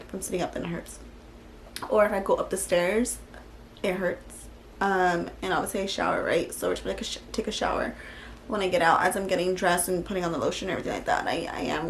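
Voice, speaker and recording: Gravelly-voiced woman vlogging casually. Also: medium pitch, slight background noise, rough recording. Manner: chatty, many "like" fillers. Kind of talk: casual video diary. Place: bedroom at home.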